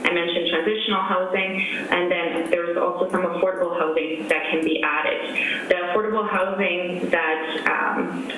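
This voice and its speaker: A woman's voice: lowish voice, fairly bright tone, recorded from a distance. Woman presenting over an echoey video call. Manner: measured, many "um"s and self-corrections. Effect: voice over a video call, breaking up at times. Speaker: presenter to a council task force. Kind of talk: remote slide presentation. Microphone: computer mic on a video call. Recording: very echoey call audio with faint noise.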